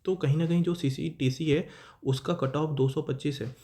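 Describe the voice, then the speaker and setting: A man's voice: fairly high pitch, steady tone, normal speed, dark tone. A young man, casually explaining exam cutoffs to students and often correcting himself. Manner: conversational, keeps saying "friends", self-correcting. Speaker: exam-prep YouTuber.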